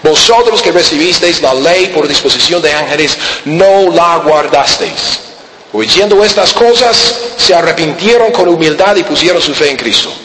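A man preaching a Bible-teaching sermon in a fairly high voice, emphatic and often pointing his listeners back to the text. At times he sinks into low, quiet urging. The recording sits in a roomy hall with a long reverb and a faint hiss. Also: moderate pace, few pauses.

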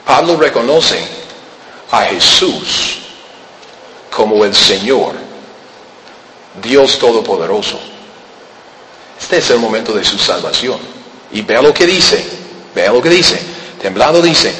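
Preacher man in an echoing hall. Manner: emphatic, repeats "vea" to point listeners to the text; drops to low, quiet urging in exhortation. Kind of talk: Bible-teaching sermon. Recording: roomy hall with long reverb, faint noise.

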